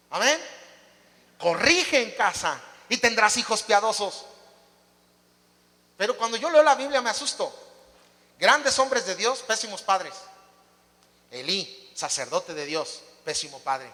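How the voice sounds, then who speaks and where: An emphatic pastor preaching a sermon in a high, bright and forceful voice. He keeps asking his congregation questions, and his voice rings out with the long reverb of a church hall.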